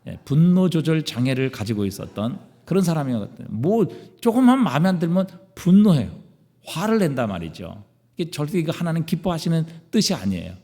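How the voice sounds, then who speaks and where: A male pastor preaching a sermon, retelling scripture with animated, dramatized storytelling in a church sanctuary. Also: on the high side, a little fast. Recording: long reverb of a church sanctuary.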